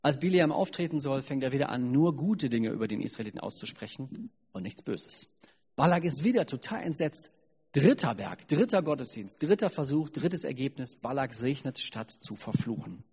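A man preaching at a family service, retelling a Bible story in a lively, chatty way with asides. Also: mid-range voice, normal speed, breathy edge. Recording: long hall reverb.

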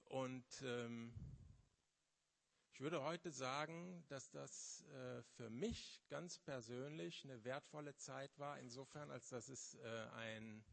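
A man in his fifties giving a testimony sermon in a church, often pausing and searching for words before building to fervent emphasis. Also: mid-range voice, gravelly. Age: 50s. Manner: halting, searching for words, then rising with fervor. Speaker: lay preacher.

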